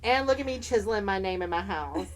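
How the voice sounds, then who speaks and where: A woman's voice: mid-range voice, lively intonation, quick pace. A woman with a mid-range voice co-hosts a podcast. She is sassy and campy, throwing slang and playful swearing into casual, comedic storytelling that moves between read narration and chat. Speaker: podcast co-host.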